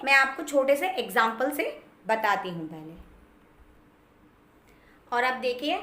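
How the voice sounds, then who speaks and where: A woman teacher giving an online lesson, explaining step by step and slowing down to read poem lines aloud. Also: sits high, bright, forceful tone. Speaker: English teacher. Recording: echoey room.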